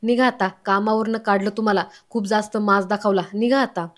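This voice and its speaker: A woman's voice: medium pitch, steady tone, a little fast, natural voice. A woman voicing a harried, short-tempered working mother who talks in a snappy, scolding way.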